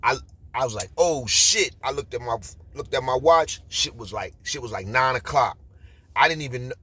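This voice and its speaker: A man's voice: medium pitch, brisk, bright, forceful tone, slightly rough. A man with a Bronx accent telling a street story casually, rambling with slang and frequent fillers. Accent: New York Bronx.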